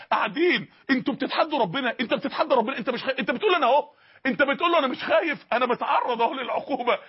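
A man's voice: very high-pitched, slightly rough, muffled recording. An Egyptian man preaching an emotional sermon, pleading with his listeners through repeated rhetorical questions. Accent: Egyptian Arabic.

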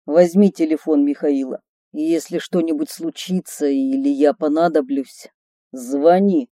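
A woman reading a boastful but tender male gang leader in slow, earnest, confiding tones. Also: deep voice, steady tone, mellow, no echo, clean studio sound, voice pushed down.

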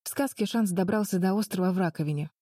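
A woman's voice: mid-range voice, fast, warm tone, no room sound, clean studio sound, lightly acted. A woman voicing Betty, a determined eldest sister who urges the others firmly. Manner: firm, urging, through clenched teeth.

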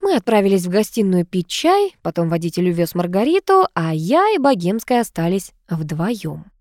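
A woman narrating a first-person audiobook with a wry, expressive storytelling manner. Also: on the low side, moderate pace, no echo, clean studio sound.

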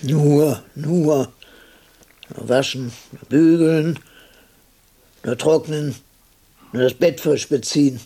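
In a radio drama, an actor plays an older, impatient man who looks after his bedridden partner, sounding weary, brisk and scolding. His full character voice sits on the high side with a warm tone.

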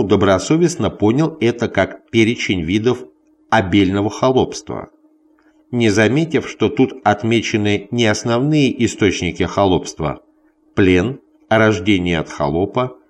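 Slow, deliberate man reading a scholarly text. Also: fairly low pitch. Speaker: audiobook reader. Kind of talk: scripted narration of a scholarly history text.

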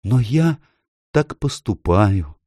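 A man voicing a gentle, sorrowful male faun who sobs out his guilt in a storybook reading. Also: medium pitch, very animated, unhurried, no room sound, clean studio sound, voice pushed up. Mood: confessing. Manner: sobbing, mournful.

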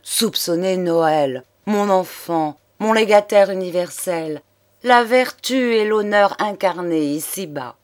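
Woman reading as a flustered old man sleuth, muttering to himself, lowish voice, dry sound, audiobook. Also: slow pace, no room sound. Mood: brooding. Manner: agitated, musing to himself. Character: excitable old man amateur detective.

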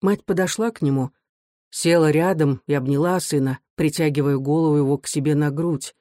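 A narrator reading a classic novel in a steady, even storytelling manner. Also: medium pitch, a little fast, no echo, clean studio sound. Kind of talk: audiobook narration.

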